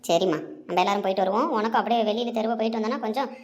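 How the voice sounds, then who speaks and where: A woman's voice: a little high, lightly acted. A woman acting a caring aunt who coaxes and reassures the young wife in a family drama. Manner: warm, coaxing, fast-talking. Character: caring mother-in-law aunt.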